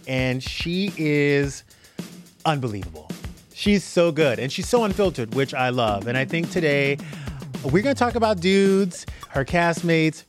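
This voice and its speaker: A woman hosting a talk show, introducing and interviewing her guest in a playful, gushing way. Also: sits low. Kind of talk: casual interview chat.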